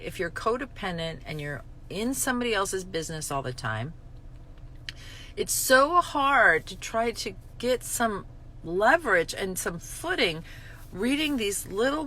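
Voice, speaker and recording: A woman's voice: medium pitch, pushed and bright, slight background noise. A middle-aged woman talking candidly and bluntly about recovery, self-mocking, swearing now and then, her feelings swinging as she talks. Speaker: recovery vlogger. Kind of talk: candid spoken reflection on a daily reading.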